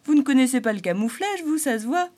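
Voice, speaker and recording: A woman's voice: sits high, expressive, fast, a little mellow, voice pushed up. A woman voicing a grumpy tiny male soil bug, touchy and sarcastic in a storybook reading. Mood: indignant.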